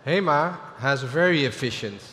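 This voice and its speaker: A man's voice: medium pitch, animated, moderate pace, fairly bright tone, a little hiss or hum. A middle-aged man with a Dutch accent giving a business keynote on a large conference stage, speaking with frequent fillers and restarts. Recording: reverberant hall with faint ambience.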